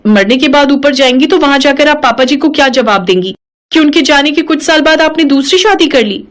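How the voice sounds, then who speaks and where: A woman playing a dramatic young daughter-in-law in an animated storybook, her voice pitched high and urgent. She pleads and frets in a melodramatic way. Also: brisk, natural voice. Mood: pleading.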